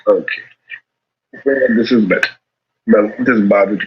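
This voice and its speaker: Man on a breaking-up phone line. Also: on the low side. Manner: halting, repeats words while finding his point. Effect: choppy, breaking-up internet phone call. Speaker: caller to a call-in show. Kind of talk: casual call-in chat. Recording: tinny, dropping-out phone line.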